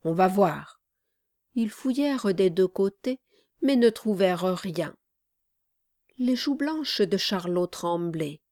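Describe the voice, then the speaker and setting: A woman reading a story aloud as an audiobook narrator, in a measured, unhurried way. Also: mid-range voice, lively intonation, darkish tone, no echo, studio quality. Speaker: audiobook reader. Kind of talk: scripted narration.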